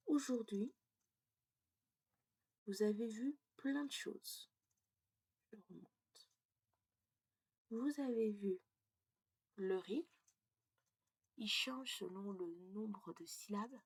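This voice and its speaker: A woman teaches French pronunciation in a slow, deliberate way, checking in often with her students. Her voice is gravelly and husky, and she slips into a breathy half-whisper now and then. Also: on the high side, a little mellow. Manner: explains step by step, checks in with "ok?". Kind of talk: casual lesson.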